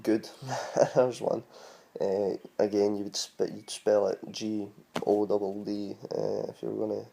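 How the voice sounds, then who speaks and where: Low gravelly Scottish man, rambling. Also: flat delivery, measured pace, dark tone. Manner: rambling, hesitant, full of ums and restarts. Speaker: vlogger teaching words. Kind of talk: casual home tutorial.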